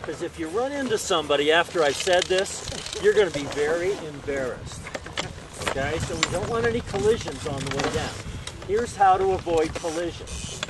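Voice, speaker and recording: Folksy male ski instructor, projecting outdoors. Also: fairly high pitch. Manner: projecting to a group in emphatic short instructions; folksy, joking. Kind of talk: outdoor group ski lesson with jokey coaching. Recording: outdoor ambient noise, shifting distance.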